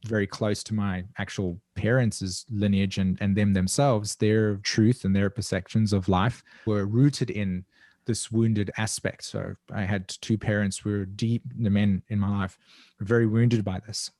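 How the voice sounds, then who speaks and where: An evolutionary astrologer with a South African accent is the interview guest here, earnest, reflective, and introspective, and he often searches for his words. He speaks unhurriedly in a voice on the low side with a darkish tone and fairly even intonation. The recording is studio quality, with no echo.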